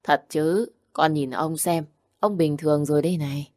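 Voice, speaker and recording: A woman voicing a kind old grandfather who speaks in a calm, comforting way. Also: low voice, normal speed, no echo, clean studio sound, lightly acted. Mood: reassuring.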